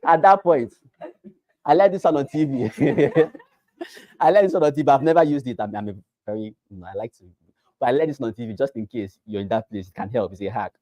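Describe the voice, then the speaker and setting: A real estate trainer with a Nigerian accent teaches realtors in a classroom, hammering each point home through repetition and plenty of rhetorical questions. He talks quickly at a middling pitch, swinging between loud bursts and quiet asides, and the recording is dry with no room echo.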